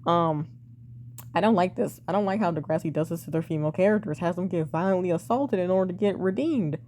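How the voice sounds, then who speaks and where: A young woman talks through her opinions of a TV drama in a blunt, exasperated, casual way. Her voice sits a little low and mellow, slightly hoarse and prone to cracking. A faint hum runs underneath. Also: fast talker. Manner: blunt, exasperated, sighs and swears often. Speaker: TV show reviewer.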